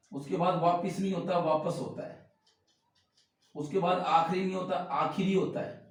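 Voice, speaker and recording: A male teacher explains word spellings step by step, repeating each word as he writes it. His voice sits slightly high. The mic is set back from him in a room that echoes strongly. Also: darkish tone, recorded from a distance. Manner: explains while writing on a board, repeating words. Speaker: Hindi grammar teacher. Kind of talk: spelling lesson for exam students.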